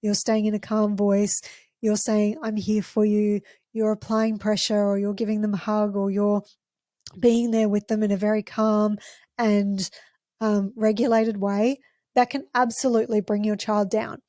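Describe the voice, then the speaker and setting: A woman hosting a parenting podcast, explaining gently and using examples. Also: medium pitch, level tone, normal speed, no echo, studio quality.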